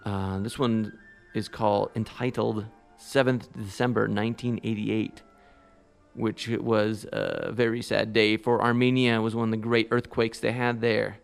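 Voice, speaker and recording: A man's voice: lowish voice, a little slow, vocal fry, smooth. A man hosting a radio music show, introducing songs in an easygoing, rambling way with casual asides.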